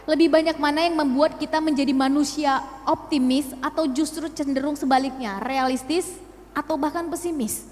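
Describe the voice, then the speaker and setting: A young woman addresses a live audience in a motivational talk. She poses rhetorical questions and slips English phrases into her speech. Her high voice rings with a long hall reverb. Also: steady tone, normal speed, a little mellow. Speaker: speaker at a youth talk show.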